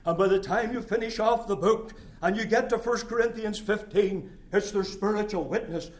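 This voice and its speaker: A middle-aged man delivers a sermon in a notably high voice for a man. He preaches in emphatic, rhythmic phrases, building to loud declarations and then dropping to soft, confiding asides. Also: normal speed. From Nova Scotia, Canada.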